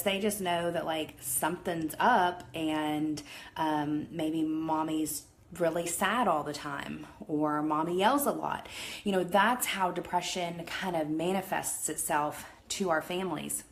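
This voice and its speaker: Woman, thirties, lowish voice, earnest, candid, casual video diary, frequent fillers. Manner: earnest, open, many fillers. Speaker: vlogger. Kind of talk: casual talk to camera.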